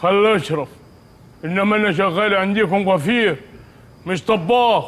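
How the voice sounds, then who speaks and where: A man's voice: high voice, normal speed, a bit bright. An actor playing a stubborn night watchman in a sitcom who protests that he is only a guard. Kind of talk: sitcom acting.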